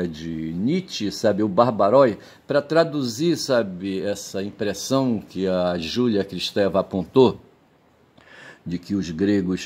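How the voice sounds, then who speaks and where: A man's voice: low voice, a little mellow. A man giving a rambling, casual monologue at home, swearing a lot, chuckling at his own jokes and tagging his sentences with checks for agreement. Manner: digressive, crude swearing, frequent "tá certo?" and "sabe?" tags, laughs at own jokes. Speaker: video commentator.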